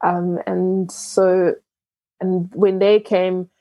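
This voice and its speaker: A woman's voice: fairly low pitch, level tone, extremely slow, warm tone, dry recording. A young adult woman from Ghana, a business founder, talking reflectively in an interview with many fillers and restarts. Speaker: entrepreneur guest. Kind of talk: interview conversation.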